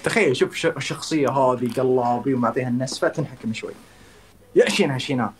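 A man's voice: medium pitch, quick pace, a little hiss or hum. A man hosting his own live stream, rallying his supporters and calling out donors by name. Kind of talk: live-stream battle banter.

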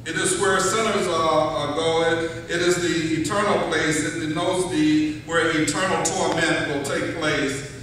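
A middle-aged man preaches from the pulpit, teaching steadily and slowing down on key words. His voice is bright and a little high for a man, with plenty of ring. He is picked up from the back of a large sanctuary, so long reverb and a faint room hush surround every word. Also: steady tone, a little hiss or hum. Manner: measured teaching delivery, slows for emphasis, occasional restarts. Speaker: pastor. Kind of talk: sermon. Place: large church sanctuary, indoors. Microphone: far camera at back of church. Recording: echoey church hall from far off.

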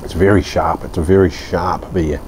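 Deep-voiced laid-back New Zealand man. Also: steady tone, normal speed, a little mellow, a little hiss or hum. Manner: laid-back, blunt, rambling with fillers and mild swearing. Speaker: beer reviewer. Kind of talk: casual review monologue. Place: covered outdoor home bar, daytime.

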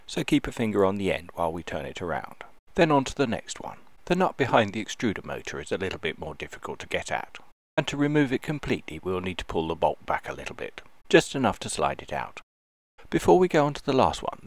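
A man with a very low, gravelly voice talks through a hands-on repair in a measured, careful tone. His delivery rises and falls with lively intonation, and the recording is close and dry with no room sound. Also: no echo. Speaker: DIY repair video host. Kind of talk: calm step-by-step voice-over tutorial.

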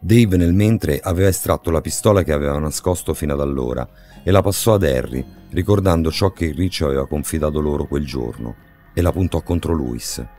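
A man narrating an audiobook in a measured, dramatic storytelling manner. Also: a bass voice, dark tone. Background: faint background music.

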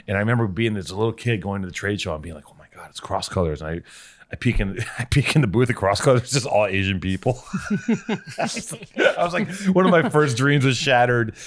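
A middle-aged man co-hosting a podcast, telling animated stories with plenty of swearing, recorded on a studio mic. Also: lowish voice, a little fast. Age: 40s. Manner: animated storyteller, swears freely. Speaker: podcast co-host. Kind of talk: casual chat. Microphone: studio mic with headphones.

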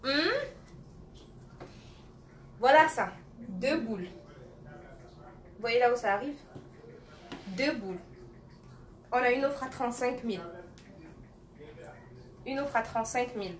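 A live-stream hair seller auctions hair extensions online in a high-leaning, animated voice, unhurried and with long pauses. She teases bidders by name and repeats the prices. The distant phone mic picks up roomy echo and faint noise.

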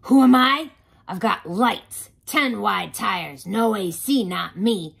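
A woman voicing a loud, gruff, boastful, greedy garbage truck in an exclaiming picture book read-aloud. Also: mid-range voice, takes it slowly, full character voice. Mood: boastful, hungry.

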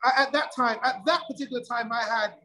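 A middle-aged man telling his own story in a casual interview, lively and acting out quoted dialogue. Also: extremely high pitch, fast talker, faint music behind, low-quality recording. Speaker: guest.

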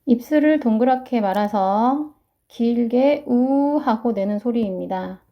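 A woman's voice: on the high side, unhurried. A woman teaching English pronunciation, explaining each sound patiently and step by step. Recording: muffled lo-fi sound.

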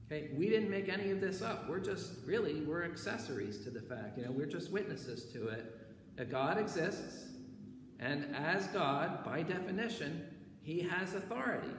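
A man's voice: a little high, expressive, normal speed. A man preaching a sermon as pastor, in a conversational way, often checking in with "right?" and "okay". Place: church sanctuary. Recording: echoey church hall with faint background noise.

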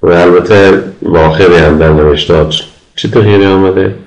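Low gravelly-voiced Afghan Dari lecturer. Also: male voice, steady tone, a little mellow, roomy sound, low-quality recording. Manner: patient, repeats examples slowly and deliberately. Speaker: university English lecturer. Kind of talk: recorded online grammar lecture.

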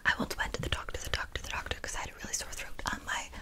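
A woman in her twenties doing a whispered role-play as a medical attendant, close to the mic in a breathy, tingly ASMR whisper, softly repeating words and phrases. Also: very fast. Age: 20s. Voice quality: breathy, mostly unvoiced whisper. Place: small indoor room.

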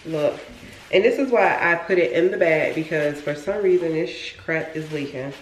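Speaking at a normal speed in a low voice, a twenty-something woman from Florida rambles and repeats herself during a casual kitchen vlog. There's reverb and background noise, and she starts out holding the camera, then sets it on the counter.

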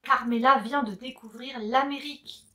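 A woman reading a children's picture book aloud, gentle and expressive, talking to a young listener. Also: a little high, moderate pace. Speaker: story reader.

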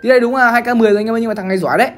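A woman's voice: a little high, rapid-fire, soft background music. A woman from Vietnam, giving chatty gaming commentary and constantly calling out to her viewers. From Bắc Giang, Vietnam. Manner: chatty, keeps calling out to the audience. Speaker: gaming streamer.

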